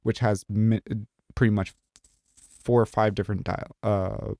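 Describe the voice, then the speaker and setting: A young man from Southern Illinois, USA, co-hosts a podcast in casual chat, rambling and joking with heavy use of "like" and "um". His low, gravelly, dark voice is flat and a little slow, recorded with clean studio sound and no echo.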